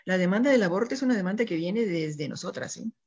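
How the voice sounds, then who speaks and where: Earnest woman guest on a radio panel, husky voice, muffled lo-fi radio recording. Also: mid-range voice, lively intonation, fast, a little mellow. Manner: earnest, keeps checking in with listeners. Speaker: guest speaker.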